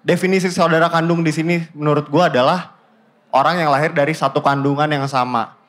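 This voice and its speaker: A man in his twenties with a Jakarta accent, telling his life story in a casual, joking way with deadpan fake-outs and English mixed in. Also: fairly high pitch, brisk. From Indonesia. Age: 20s. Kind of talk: casual stand-up style storytelling.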